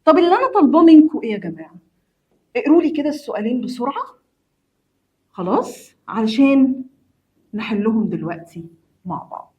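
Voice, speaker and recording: A woman teacher with an Egyptian Arabic accent walks students through English grammar. Her voice sits a little high and sounds husky and breathy. She talks straight to the class, repeats the key points with emphasis and slips English terms into her Arabic. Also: animated, a little fast, long pauses, muffled recording. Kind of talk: explaining a grammar lesson to students.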